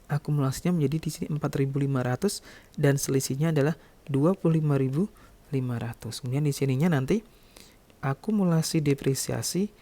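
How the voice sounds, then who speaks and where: A male accounting lecturer speaks at an average male pitch, his voice soft and mellow but with a noticeably gravelly edge. He teaches in an instructional, step-by-step way, repeatedly punctuating it with small check-in tags.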